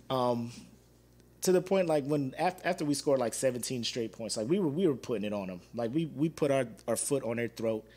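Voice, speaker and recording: Male host, casual slang-heavy storyteller, animated, laughs a lot. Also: mid-range voice. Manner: waves at viewers watching live. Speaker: podcast host. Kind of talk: casual solo chat.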